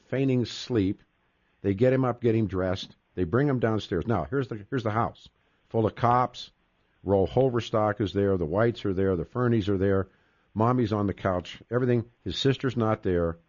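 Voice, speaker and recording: A man's voice: fairly low pitch, moderate pace, a little mellow, no echo, muffled recording. A man hosting a casual discussion, talking emphatically, repeating words and cutting in often. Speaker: podcast host.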